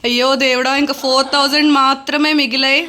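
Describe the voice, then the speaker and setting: A woman's voice: high-pitched, level tone, fast talker, bright, forceful tone. A woman playing a family game on a vlog, pleading and theatrically complaining to God.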